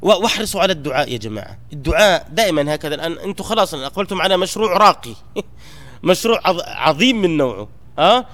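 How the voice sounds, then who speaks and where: A man's voice: a little high, sing-song, racing, fairly bright tone. A man, a teacher giving an earnest exhortation to students of a Quran memorization program. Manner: earnest, exhorting, rising emphatically at key points.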